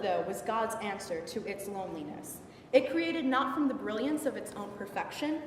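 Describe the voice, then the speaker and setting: A woman's voice: mid-range voice, close to an everyday voice. Young woman as defiant Eve, echoey hall. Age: young adult. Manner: sarcastic, emphatic, conversational. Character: defiant, indignant biblical Eve, sardonic and frank. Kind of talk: theatrical stage monologue. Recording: echoey hall from far off, some noise.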